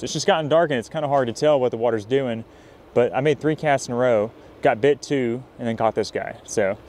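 Young dude vlogging his night fishing outdoors, normal pitch, gets real hyped n yells when he hooks one. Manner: excitable, whoops and hollers when fish bite. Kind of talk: casual outdoor vlog narration. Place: riverbank near a dam at night, outdoors.

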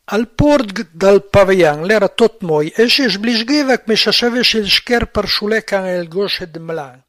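A man's voice: high voice, lively intonation, a little slow, a bit bright, no room sound, studio quality. A man with an Emilian accent telling an everyday story in dialect. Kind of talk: spoken dialect monologue.

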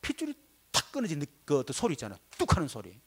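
A male pastor preaches in church, his voice riding a little high. His delivery is hugely animated, leaping from loud outbursts to muttered low asides as he tells his story. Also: fast talker, breathy edge. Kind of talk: sermon. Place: church sanctuary.

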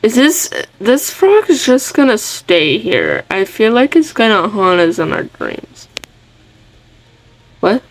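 A woman giving casual, excitable commentary on a game she is playing, chatty and often restarting her words. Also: medium pitch, slow pace, rough recording. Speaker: gaming video creator.

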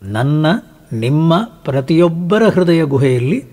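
A man giving a spiritual discourse, now and then chanting verses and gently addressing the listener. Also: on the high side, expressive, takes it slowly. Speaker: spiritual teacher. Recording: long hall reverb.

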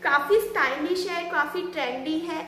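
A young woman with a very high voice chats through a fashion product review, slipping English words into her speech. She was recorded indoors with the camera a short way off, in a room with noticeable echo and a faint hum behind her. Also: moderate pace, pushed and bright. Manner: chatty, mixes English words into Hindi. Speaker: fashion vlogger reviewing sarees.

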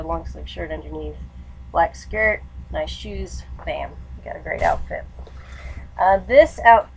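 Stuffy-nosed young woman, lowish voice. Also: darkish tone, poor audio. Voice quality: congested, stuffy-nosed from allergies. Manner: chatty, informal. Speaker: vlogger, education student. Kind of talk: casual haul video chat. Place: small lamp-lit room at home. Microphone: webcam or laptop mic at desk distance. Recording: webcam recording with background room noise. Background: noise, TV in the background.

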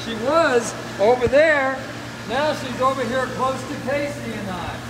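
High-voiced man through a face mask, noisy room. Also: measured pace. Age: middle-aged. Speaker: aquarium animal keeper and guide. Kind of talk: casual educational live talk. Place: noisy indoor aquarium work room. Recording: noisy pump-filled room with loud hum.

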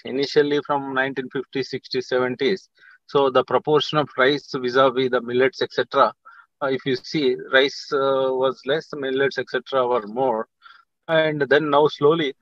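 A middle-aged man with an Indian accent, speaking as a panelist on a video call, halting with many fillers and restarts. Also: mid-range voice, a bit bright, dry recording. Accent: Indian English. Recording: dull, dry video call audio.

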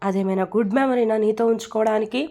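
A woman's voice: fairly high pitch, steady tone, fast, warm tone, close to an everyday voice. A woman voicing a worried middle-aged mother who scolds and pleads with her grown son. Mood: scolding. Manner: scolding, insistent.

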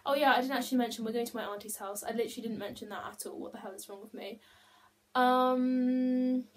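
A woman's voice: a little high, steady tone, quick pace, slight background noise. A young woman chatting casually to her phone camera as a beauty vlogger, rambling and poking fun at herself. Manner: chatty, rambling, self-mocking. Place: at home.

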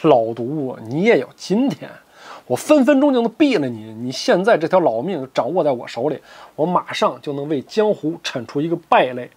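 A man voicing a bold, scornful old beggar who is a martial arts master, speaking gruffly and taunting. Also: on the high side, very animated, normal speed, darkish tone, voice pushed down.

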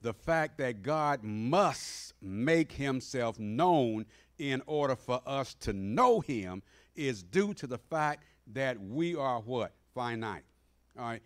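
A middle-aged man teaching a Bible class in a church sanctuary, emphatic and asking the class questions as he goes. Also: medium pitch. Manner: emphatic, call-and-response questions. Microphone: standing in front of a mic stand.

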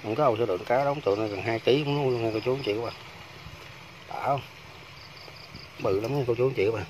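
A fast-talking vlogger with a medium-pitched, darkish voice films himself touring a rural farm by fish ponds on his phone, with a little hiss or hum in the audio. He's casual and chatty, constantly calling viewers aunts, uncles and friends.

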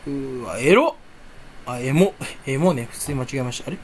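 A man's voice: medium pitch, animated, moderate pace, slight background noise. A young man chatting casually to camera at his computer at home, rambling and talking to himself in a jumpy, self-mocking way. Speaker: video creator. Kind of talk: casual solo chat while browsing online. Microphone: desk or headset mic, face on camera.

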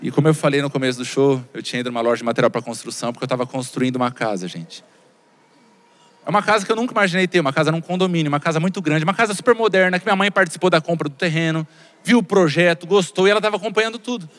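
A man in his thirties with a Brazilian Portuguese accent, doing animated stand-up storytelling and talking straight to the audience. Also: fairly high pitch, very fast. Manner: animated storytelling, repeated "gente" asides to the audience. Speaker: stand-up comedian. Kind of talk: stand-up comedy. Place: stage at a live comedy show. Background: faint audience.

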